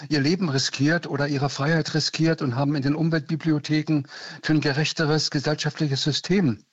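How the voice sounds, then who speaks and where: A man in his sixties from East Germany calls in to a radio show, speaking earnestly as if delivering a small speech. His voice is on the high side, flat and a little fast, heard over a lo-fi, dry phone line with no room sound.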